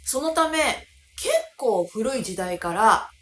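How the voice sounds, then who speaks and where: A Japanese woman teaching pronunciation in a clear, deliberate lesson style. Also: a little high, expressive, roomy sound, a little hiss or hum. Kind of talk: scripted language lesson.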